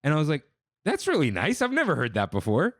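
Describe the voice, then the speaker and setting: A young man who grew up speaking Armenian co-hosts a podcast, chatting casually and telling wedding stories in an animated way, doing voices when he quotes people. His voice sits on the high side and moves fast, recorded in clean studio sound without echo.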